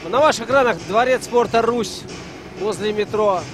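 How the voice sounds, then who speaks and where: A man's voice: high-pitched, normal speed, music in the background. A man working as a hockey commentator, giving live sports commentary.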